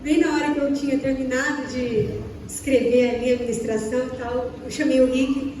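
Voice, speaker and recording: A young Brazilian woman's voice sits high and warm as she preaches, holding a steady tone at normal speed with a Brazilian Portuguese accent. Her sermon includes repeated questions to the congregation and short acted dialogues. The sound is distant and echoey, from a church hall, with a little hiss or hum.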